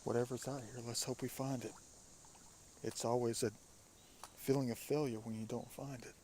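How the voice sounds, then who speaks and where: A man talking quietly outdoors by a stream, often dropping to a whisper as he peers around. His voice sits in an ordinary middle pitch. Faint crickets and insects hum behind him. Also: little pitch movement, moderate pace. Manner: often whispering, curious and hushed. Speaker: outdoor vlogger. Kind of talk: hushed outdoor vlog narration. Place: outdoors by water.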